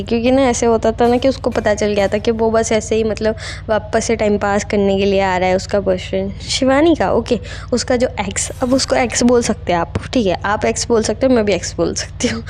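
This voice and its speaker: A woman's voice: fairly high pitch, mellow. Giggly young woman rambling through a story. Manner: rambling, many fillers, giggles often. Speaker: storyteller and gamer channel host. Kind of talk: casual spoken storytelling over gameplay.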